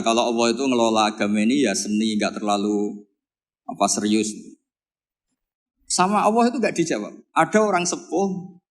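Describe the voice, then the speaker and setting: A man with a Javanese accent giving a relaxed religious lecture, teasing his audience and quoting Arabic verses. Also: mid-range voice. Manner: jokey, teasing the audience, mixing in Arabic quotes. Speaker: Islamic preacher. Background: audience laughter.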